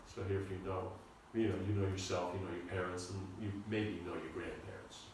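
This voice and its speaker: A man teaching a seminar on scripture, talking in a halting, informal way and often repeating his words. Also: deep voice, steady tone, a little mellow, a little hiss or hum. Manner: halting, repeats words, asks the audience to follow. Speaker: spiritual teacher giving a seminar lecture. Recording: echoey room, recorded from a distance.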